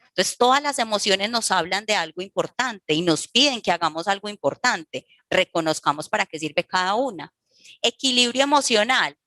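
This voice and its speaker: A woman's voice: mid-range voice, bright, forceful tone, no echo. A woman giving a talk to parents about emotions, explaining step by step and often checking in with her listeners. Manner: didactic, checks in with "¿sí?" and "¿listo?". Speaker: workshop speaker for parents.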